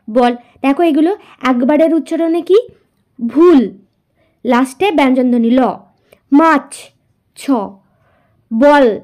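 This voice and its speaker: A woman's voice: sits high, dark tone. A woman teaching a grammar lesson to school students, patiently asking questions and answering them herself, and drawing out words as she writes. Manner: slow, patient, asks and answers her own questions.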